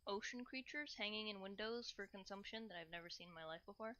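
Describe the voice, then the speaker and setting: A fast-talking woman with a pushed, bright, mid-range voice chats to livestream viewers as she cooks. She's playful and rambling, repeating short phrases a lot and lapsing into cutesy broken grammar. There's slight background noise.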